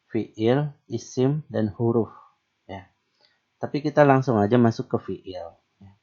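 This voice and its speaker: A man teaching Arabic grammar in a relaxed, chatty online lesson, asking himself questions and pausing on fillers. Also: mid-range voice, breathy edge, dull audio.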